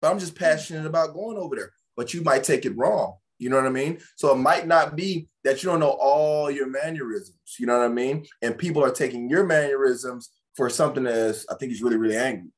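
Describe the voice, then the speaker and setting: Mid-pitched man on a podcast, animated and repetitive, keeps restarting lines while giving advice. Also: a little fast, hardly any pauses. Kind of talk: casual podcast conversation.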